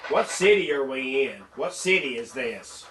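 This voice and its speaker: A man, a paranormal investigator, gives excited ghost-hunt commentary and puts questions aloud inside an old building at night. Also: medium pitch, moderate pace. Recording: distant echoey room with faint hiss.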